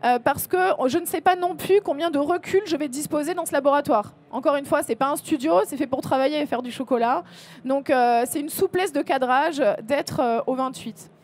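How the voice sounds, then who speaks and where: High-pitched woman photographer presenting to a live room, chatty with playful asides. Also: normal speed, a little mellow. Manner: chatty, with light joking asides. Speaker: photographer giving a conference talk. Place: conference room with a live audience.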